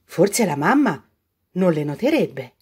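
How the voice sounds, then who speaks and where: A woman's voice: big pitch swings, takes it slowly, darkish tone, slightly rough, heavily acted. A woman voicing a little girl in a storybook who has stopped listening, crying out in distress. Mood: fretful. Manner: high, cries out in distress.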